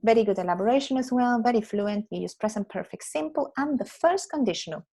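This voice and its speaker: A woman's voice: fairly high pitch, expressive, moderate pace, dark tone. A woman, an English teacher giving feedback on a video call, correcting and explaining patiently. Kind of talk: online class feedback.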